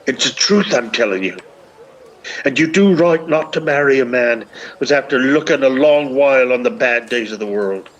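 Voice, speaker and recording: This actor's mid-range voice is animated and lightly acted, at normal speed, though the audio sounds dull. He plays a lovestruck, ragged old Irish beggar in a radio drama, pouring out long, poetic, pleading lines. The mood is bitter and yearning, the style lyrical.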